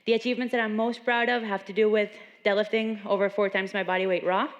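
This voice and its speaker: A woman's voice: medium pitch, little pitch movement, quick pace, muffled recording. A young adult woman from Venezuela giving an earnest motivational talk at a seminar, telling stories. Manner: earnest, storytelling. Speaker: seminar speaker. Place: large gym. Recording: long reverb in a gym hall.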